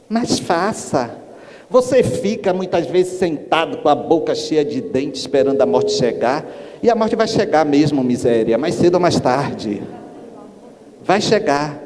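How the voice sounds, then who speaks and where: A man giving a spiritist lecture. He tells stories in an animated way and acts out the dialogue, recorded in a reverberant hall. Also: fairly high pitch. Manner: animated storytelling, acting out dialogue. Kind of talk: sermon-like lecture with storytelling. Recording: reverberant hall with faint noise.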